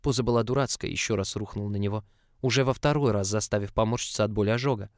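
A man reading a story aloud as scripted narration in an even, measured way, close to the mic. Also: fairly low pitch, no echo. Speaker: audiobook reader.

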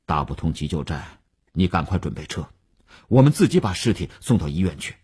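A man's voice: low voice, big pitch swings, a little fast, a little mellow, slightly rough, voice pushed down, heavily acted. A man voicing a commanding middle-aged male tycoon under pressure, grave and decisive. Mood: urgent.

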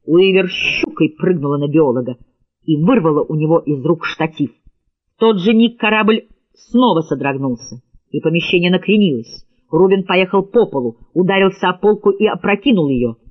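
A man's voice: sits high, animated, normal speed, muffled recording. A man narrating an audiobook in a tense, dramatic reading style. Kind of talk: scripted narration.

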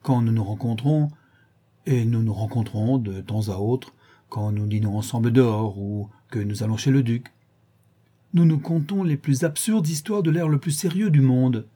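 A man's voice: mid-range voice, moderate pace, dark tone, husky, lightly acted. A man reading a witty cynical young aristocrat. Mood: amused. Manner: airy, amused, paradoxical.

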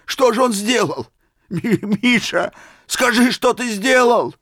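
A man's voice: medium pitch, wildly swooping pitch, unhurried, breathy edge, dry recording, clean studio sound, exaggerated voice. A man voicing an ecstatic old man who cries out in rapture over a holy fool. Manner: exclaiming, shouting in rapture.

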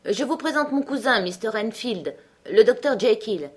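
A woman's voice: fairly high pitch, lively intonation, moderate pace, husky, pitched above the performer's own voice. A woman reading the part of a worried but good-humoured male lawyer in an audiobook, coaxing and eager.

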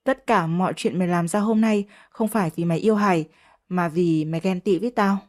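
A woman's voice: lowish voice, a little fast, natural voice. A woman reading a cold, taunting young wife. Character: proud, sharp-tongued young wife, defiant.

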